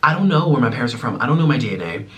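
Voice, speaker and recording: This mukbang host, a twentysomething man of Ukrainian birth and American upbringing, talks very fast as he eats at home, his medium-pitched voice making big pitch swings. The tone is fairly bright, and the sound is lo-fi. A slightly distant mic catches faint room noise.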